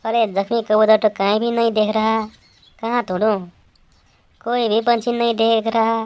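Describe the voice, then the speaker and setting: A woman voicing a greedy, scheming woman in an animated story, muttering and exclaiming to herself. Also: a little high, moderate pace, clean tone, dry recording, natural voice. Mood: frustrated.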